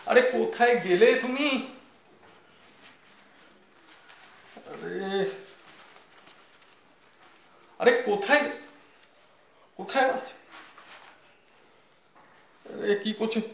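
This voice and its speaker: An actor playing a flustered, penny-pinching office-going husband in a comedy sketch, calling out frantically and complaining indignantly. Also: male voice, very high-pitched, vocal fry, a bit bright, exaggerated voice. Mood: frantic. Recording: echoey room.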